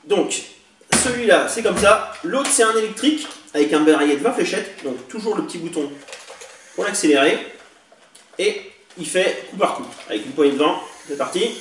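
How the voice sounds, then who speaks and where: In a casual show-and-tell, a toy-collector vlogger walks through the toy blasters he picked up, hesitating often and using many fillers. He talks at normal speed in a high voice with lively intonation, recorded indoors on a far-off camera mic with echo and faint hiss.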